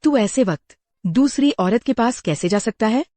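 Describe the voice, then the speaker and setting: A woman's voice: fairly high pitch, lively intonation, moderate pace, dark tone, dry recording. A woman dubbing a gossipy, hot-tempered village auntie in a drama. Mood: scolding. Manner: gossipy, scolding. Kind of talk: dubbed drama acting.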